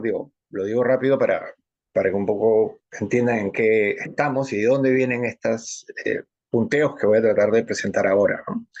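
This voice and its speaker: A man's voice: lowish voice, a little mellow, dull audio. Hesitant man giving a political talk. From Peru. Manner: hesitant, many fillers and restarts. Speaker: guest political analyst. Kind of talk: spoken lecture on politics.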